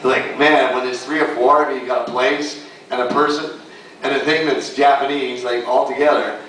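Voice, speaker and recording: A man's voice: medium pitch, steady tone, moderate pace, fairly bright tone, a little hiss or hum. A man on a convention panel, talking casually in a rambling way with many likes and restarts. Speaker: voice actor panelist. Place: large convention hall. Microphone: far audience camera. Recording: echoey hall recorded from far off.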